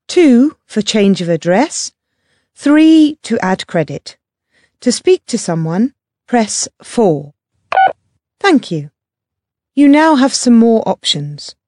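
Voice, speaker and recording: A polite phone menu voice, acted by a woman reading out helpline options. She is slow and measured, with a lively lilt and clear enunciation, recorded dry and close. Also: a little high, no echo, exaggerated voice. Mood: polite, instructive.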